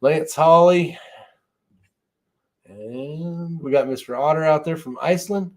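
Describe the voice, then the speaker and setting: A man with a fairly high voice speaks slowly as he hosts a casual shooting live-stream chat show, talking in a loose, informal and rambling manner.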